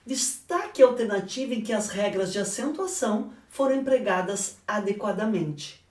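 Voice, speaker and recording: A woman's voice: mid-range voice, expressive, moderate pace, a little mellow, distant mic. Brazilian woman teaching in an echoey room. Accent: Brazilian Portuguese. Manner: didactic, asks and answers her own questions. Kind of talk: exam correction lesson.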